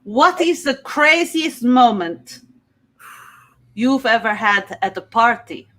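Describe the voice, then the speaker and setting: A woman's voice: a little high, expressive, slow, a bit bright, exaggerated voice. A woman voicing a dramatic Russian bachelorette with a put-on Russian accent in an improv dating-game sketch. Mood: haughty, coy. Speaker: contestant picking a band. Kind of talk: improv game-show comedy.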